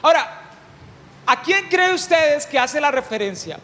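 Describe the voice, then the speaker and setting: A man delivers a lively, humorous sermon, asking his listeners questions as he goes. His voice is very high, and a long hall reverb trails after every phrase. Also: unhurried. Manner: animated, humorous, questions the congregation. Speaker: preacher.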